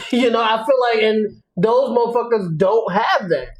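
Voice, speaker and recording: A man's voice: high-pitched, unhurried, low-quality recording. A man co-hosting a podcast in casual chat, blunt and profane, often laughing as he talks. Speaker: podcast co-host.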